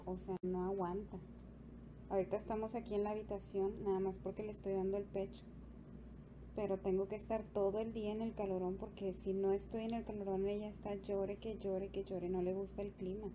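A woman's voice: medium pitch, a little fast. Chatty woman in a noisy home video. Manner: chatty, repeats phrases, coos affectionately. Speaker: vlogger and new mother. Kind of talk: casual home vlog. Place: bedroom at home. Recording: home video with steady background noise.

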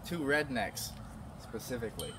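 A man's voice: mid-range voice, lively intonation, moderate pace, heavy background noise. A man hosting a casual challenge video, teasing his friend and coaching him with hints. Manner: teasing, coaxing, gives hints. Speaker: video host running a challenge. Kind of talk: casual chat.

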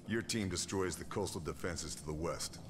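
An actor playing a stern wartime sniper giving a calm, clipped mission briefing in a video game. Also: male voice, low voice, moderate pace, background noise, close to an everyday voice. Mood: determined. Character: stern male wartime sniper hero, terse. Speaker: game character.

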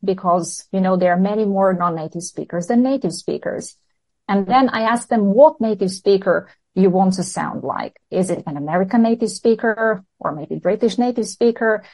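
A woman's voice: mid-range voice, lively intonation, moderate pace, darkish tone, rough recording. A woman from Serbia who speaks English as a second language, an English teacher explaining her views earnestly in a podcast interview.

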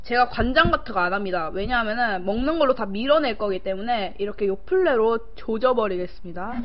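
A woman's voice: a little high, animated, brisk, slight background noise. A young woman hosting a live-stream eating show, chatting casually with viewers as she eats, at times playful and singsong. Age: young adult. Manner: talks while eating, with short murmurs between phrases. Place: small room indoors. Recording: dull, lo-fi stream audio.

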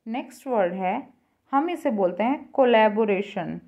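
Slow, careful woman teaching pronunciation. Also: on the high side, darkish tone, highs cut off. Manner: drawn-out repeated word drills. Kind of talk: slow tutorial lesson.

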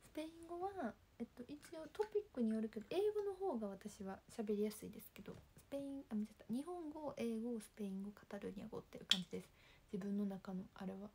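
A young woman with a Kansai accent, chatting casually on a livestream and reading viewer comments in a soft, calm voice that often drops near a whisper. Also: a little high, fast talker, background noise. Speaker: livestream host. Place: home.

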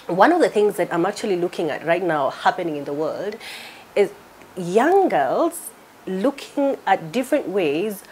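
A woman from Kenya hosting a studio television interview, asking questions in an expressive, lively way. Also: mid-range voice, moderate pace, a little hiss or hum. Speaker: talk show host. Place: TV studio set.

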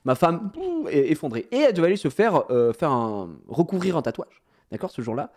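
A man telling a story casually to his viewers, in an animated, slangy way, often laughing at himself. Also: on the high side, fairly quick. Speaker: streamer.

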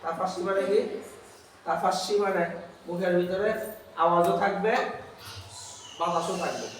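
A woman teaching a Quran recitation class, asking questions over and over and pushing the pupils to answer louder. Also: lowish voice, fairly even intonation, moderate pace. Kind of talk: call-and-response class drilling. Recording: echoey hall recorded from far off, noisy.

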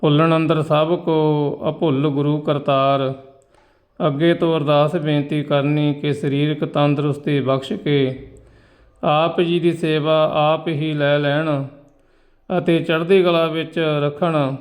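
A man's voice: fairly high pitch, little pitch movement, slow pace. A man teaching scripture recitation, correcting pronunciation and closing with a formal, devotional prayer.

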